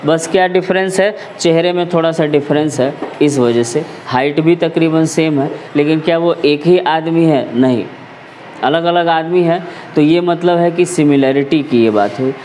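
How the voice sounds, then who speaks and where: A man's voice: on the high side, moderate pace, darkish tone, a little hiss or hum. A man teaching a math class, explaining patiently and often asking whether the students follow. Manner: explanatory, checks understanding with repeated questions.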